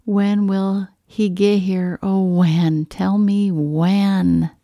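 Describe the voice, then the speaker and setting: A woman voicing a greedy, cranky male pug dog who whines and shouts his demands. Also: mid-range voice, level tone, drawn-out words, no echo, clean studio sound. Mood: whiny.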